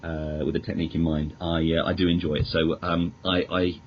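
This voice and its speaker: A British man with a deep, level voice, a podcast guest who edits a magazine, chats casually about films in an interview. He's polite and measured but hesitant, often stammering and restarting. The audio is dull and lo-fi, with clear noise.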